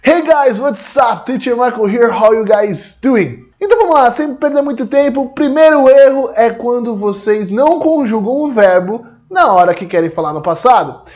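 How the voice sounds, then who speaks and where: Animated Brazilian man teaching English. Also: very high-pitched, dull audio. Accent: Brazilian Portuguese. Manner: animated and explanatory, slowing down to model English phrases. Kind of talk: video lesson, direct address to the viewer.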